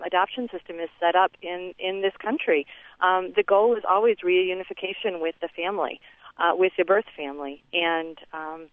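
A woman's voice: lowish voice, dry recording. Woman caller on a tinny phone line. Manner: earnest, lots of um and uh fillers. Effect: phone line call into a radio show. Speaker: radio show caller. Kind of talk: call-in talk on a radio show.

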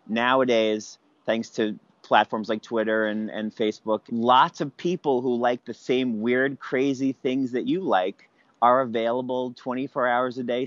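A man's voice: medium pitch, no room sound, lo-fi sound. A man talking conversationally as a journalist being interviewed.

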